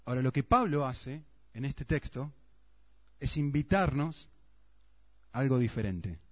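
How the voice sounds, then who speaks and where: A man's voice: mid-range voice, animated, a little slow, a little mellow. A man preaching a sermon earnestly, often asking the congregation rhetorical questions. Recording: dull, muffled sound.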